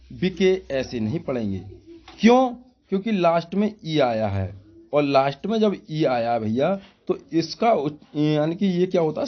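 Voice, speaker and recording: A man's voice: mid-range voice, dull audio. A man teaching English pronunciation in a spoken lesson, asking himself repeated questions and calling his listeners brother. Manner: drills with repeated rhetorical questions. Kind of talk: classroom-style spoken lesson.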